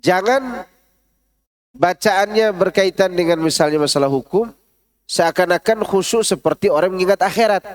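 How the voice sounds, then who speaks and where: A man's voice: sits high, moderate pace, long pauses. A man teaching a Quran study class in a large mosque, explaining with examples, asking the audience rhetorical questions and reciting verses in a melodic tone. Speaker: ustadz giving a Quran tafsir study. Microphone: stood up while speaking.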